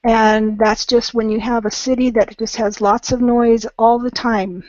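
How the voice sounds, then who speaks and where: A woman's voice: a little high, little pitch movement, unhurried, darkish tone, dry recording, lo-fi sound. A woman teaching a live online English class, patient and encouraging, with many ums.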